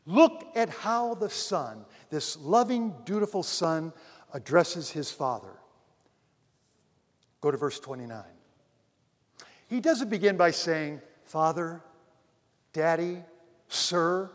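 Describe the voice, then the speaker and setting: A pastor preaches with a high voice that rings out in a large hall with a long reverb. He swings from ringing emphasis to almost hushed asides, addressing the congregation as dear friends. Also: lively intonation, takes it slowly, long pauses. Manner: dramatic swings between loud emphasis and near-hushed asides. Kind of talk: sermon.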